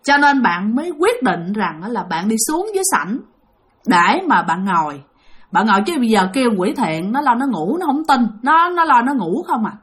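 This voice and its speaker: A woman's voice: a little high, very animated, normal speed, fairly bright tone. A woman with a Southern Vietnamese accent narrating a ghost story, chatty and talking straight to her listeners. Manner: chatty, addresses listeners directly.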